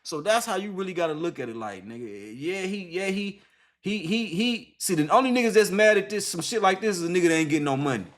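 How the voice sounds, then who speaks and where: Fast-talking high-voiced young man. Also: animated. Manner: emphatic, repetitive, heavy slang and profanity. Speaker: interviewee. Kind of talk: casual unscripted monologue.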